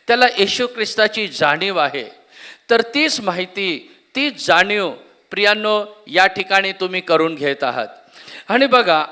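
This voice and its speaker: Bright, high-voiced preacher. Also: male voice, smooth. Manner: asks the congregation questions and repeats key words. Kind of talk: Marathi sermon. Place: church conference hall.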